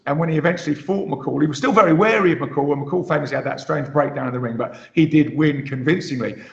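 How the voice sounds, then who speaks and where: A British-raised man talks through a boxing matchup in a gravelly, slightly high voice. He thinks aloud with plenty of fillers and restarts. The sound is roomy and muffled. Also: fast talker. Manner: thoughtful, many fillers and restarts. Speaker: boxing pundit. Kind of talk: conversational boxing analysis.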